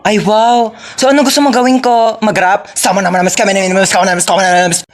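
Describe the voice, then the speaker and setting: A woman's voice: medium pitch, fairly even intonation, fast talker. A woman narrating and acting out comedic storytime skits in a playful, teasing way, with music playing behind.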